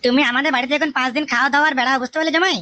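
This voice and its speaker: A woman's voice: high-pitched, steady tone, bright, forceful tone. Woman as a coaxing flirtatious mother-in-law. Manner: rapid, wheedling.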